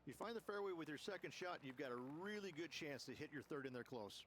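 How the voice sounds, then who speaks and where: A man's voice: on the high side, animated, fast, fairly bright tone, slight background noise. A man giving golf color commentary, chatty and jokey, laughing easily between points.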